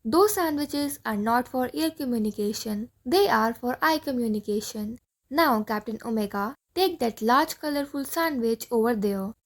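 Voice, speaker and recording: A woman's voice: fairly high pitch, expressive, normal speed. A woman reading the part of a pompous, bossy male Martian leader in an audiobook play, with a commanding, easily alarmed manner.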